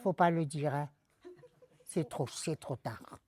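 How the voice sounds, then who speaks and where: Hesitant lady in her 80s from algeria, lowish mellow voice, trails off. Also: takes it slowly, slightly rough, no room sound. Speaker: care home resident interviewed by a child. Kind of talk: casual interview answers.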